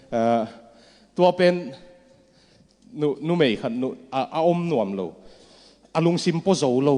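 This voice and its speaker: A man's voice: mid-range voice, darkish tone. A man with a Zomi accent preaching a sermon to a congregation in a church. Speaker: pastor. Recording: long hall reverb.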